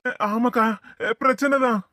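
A woman's voice: on the high side, fairly even intonation, moderate pace, a bit bright, dry recording, natural voice. A woman voicing a nervous young man hiding from a feared uncle, speaking hesitantly with a Tirunelveli accent in a cartoon. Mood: anxious. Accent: Tirunelveli Tamil. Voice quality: hesitant, many fillers.

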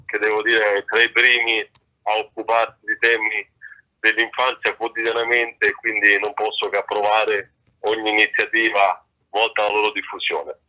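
A man's voice: fairly low pitch, little pitch movement, normal speed, sharp tone. A man speaking over a speakerphone as a guest official, giving a formal public address with frequent hesitations and repeated words. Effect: heard over a speakerphone. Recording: dull, muffled speakerphone sound.

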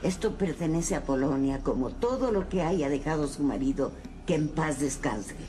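A woman's voice: low-pitched, animated, normal speed, mellow, slight background noise. Haughty, scornful lady of the house. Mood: cold, scornful. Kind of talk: telenovela acting.

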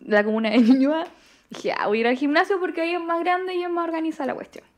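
A young Chilean woman telling a dating story in casual chat, animated and full of slang. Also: very high-pitched, quick pace. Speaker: podcast guest.

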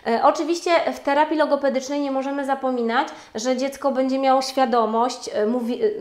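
A woman giving a webinar lecture on speech therapy, formal and measured, with frequent hesitation sounds. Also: high-pitched, steady tone, darkish tone. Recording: roomy echo.

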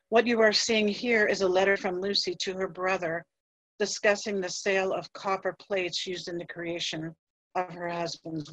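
A woman museum curator reads a scripted history presentation from her notes, measured and with a few fillers. Her pitch is medium, and while there's no room sound, the audio is poor.

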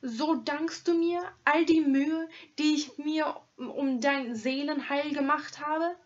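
A woman's voice: high voice, fairly even intonation, takes it slowly, pitched above the performer's own voice. A woman voicing an agitated old holy hermit who wails and condemns in a raised voice, in a dull lo-fi recording. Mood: furious.

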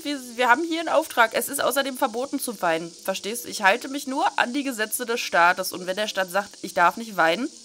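Chatty irreverent woman commenting a game, bright voice, a bit high. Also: slight background noise. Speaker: let's-play host. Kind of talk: casual gaming commentary.

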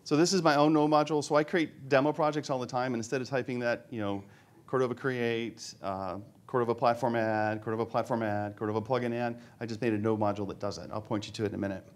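A man speaks from a conference stage, his voice at an everyday middle pitch. He jokes with the crowd and pokes fun at himself as he types commands. He narrates each step of his live demo out loud. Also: fairly even intonation, quick pace. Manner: joking, self-deprecating, thinks aloud while demoing. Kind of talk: live tech talk demo. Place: conference hall with live audience.

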